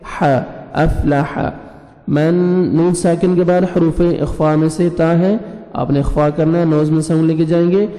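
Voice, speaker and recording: Slow, mellow man chanting Quran lessons. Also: fairly high pitch, fairly even intonation. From South Asia. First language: Urdu. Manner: spells out letters and vowel marks slowly, then chants the verse; brisk explanations of pronunciation rules between recitations. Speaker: Quran teacher. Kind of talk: slow syllable-by-syllable recitation lesson with explanations. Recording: echoey room with faint music.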